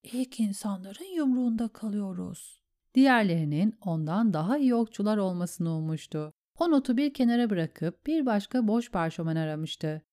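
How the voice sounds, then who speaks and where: Dark-toned woman narrating a story. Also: medium pitch, expressive, normal speed, hardly any pauses. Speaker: audiobook narrator. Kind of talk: scripted narration.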